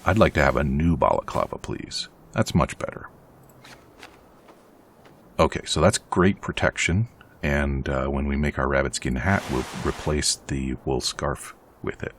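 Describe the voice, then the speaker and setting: A man with a very deep, gravelly voice chats his way through a survival game as host of his own let's play. He rambles and pokes fun at himself as he plays. A faint hiss sits under the recording. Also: a little slow, a bit bright. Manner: chatty, rambling, self-deprecating. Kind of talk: casual game commentary.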